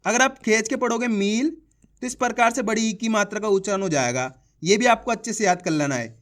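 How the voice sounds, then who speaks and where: A young man teaching reading in a slow online lesson, drilling sounds and asking learners to repeat after him. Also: sits high, fairly bright tone. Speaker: Hindi teacher.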